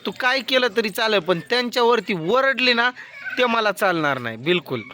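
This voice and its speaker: A man's voice: high-pitched, lively intonation, normal speed, sharp tone, slight background noise. A man filming a vlog who keeps pressing questions and scolds in a casual family chat. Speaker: vlogger.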